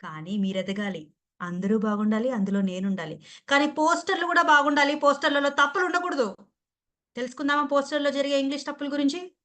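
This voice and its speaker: A woman's voice: high voice, fast, a bit bright. A woman with a Telugu accent teaching pronunciation in an online class over a video call, playful and teasing as she quizzes her students. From Andhra Pradesh or Telangana, India. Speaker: English pronunciation trainer.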